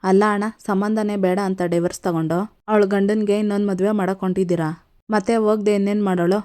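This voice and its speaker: A woman's voice: mid-range voice, fairly even intonation, fast, mellow, natural voice. A woman voicing an impatient, pointed middle-aged female relative in her own voice.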